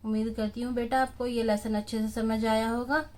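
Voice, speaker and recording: A woman's voice: fairly high pitch, level tone, a little fast, darkish tone. A woman teacher who patiently walks young children through a lesson, spelling out letters one by one.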